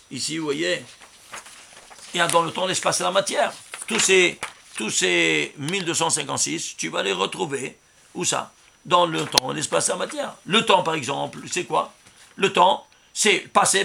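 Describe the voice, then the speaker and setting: High gravelly voice of a rabbi teaching. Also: male voice, slight background noise. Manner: asks the listeners rhetorical questions; emphatic, stresses words loudly. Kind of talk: Torah commentary with number interpretation.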